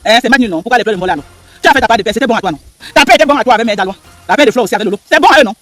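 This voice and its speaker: A man's voice: very high-pitched, animated, very fast, sharp tone. A man giving heated live-stream commentary, repeating himself and firing rhetorical questions at the audience. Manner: emphatic, repetitive, rhetorical questions to viewers.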